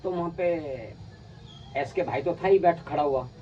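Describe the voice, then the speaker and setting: A man's voice: fairly high pitch, moderate pace, distant mic, muffled recording, a little hiss or hum. A man telling a casual personal anecdote, acting out what his friends said along the way. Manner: animated, acts out quoted friends. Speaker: storyteller.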